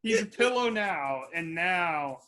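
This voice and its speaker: A man co-hosting a casual podcast, giving short, playful deadpan replies. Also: sits high, takes it slowly, a crowd in the background. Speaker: podcast co-host. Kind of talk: casual chat.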